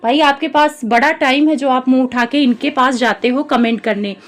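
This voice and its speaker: High-voiced woman vlogger giving scolding commentary. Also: moderate pace. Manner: chatty, scolding. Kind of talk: reaction commentary vlog.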